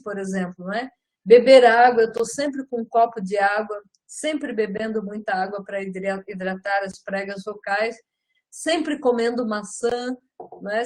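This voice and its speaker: A middle-aged woman coaches a live audience on public speaking. Her voice sits a little high, and she talks in an animated way, often calling out to her listeners. She ends many phrases with quick tag questions. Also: rough recording. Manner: lively and animated, often addresses listeners as "gente".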